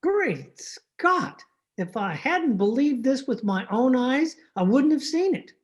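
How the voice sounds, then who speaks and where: A woman's voice: high-pitched, big pitch swings, takes it slowly, muffled recording, exaggerated voice. A woman playing a droll, wisecracking veteran family doctor in old-time radio comedy, with dry, wordy sarcasm. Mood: astonished. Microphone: video call microphone.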